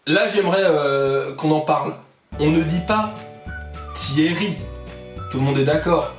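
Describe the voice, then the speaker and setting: A young man telling comic anecdotes in a vlog, animated, with lots of fillers and put-on voices. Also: fairly high pitch, normal speed. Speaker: vlogger. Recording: roomy echo, distant mic, music behind.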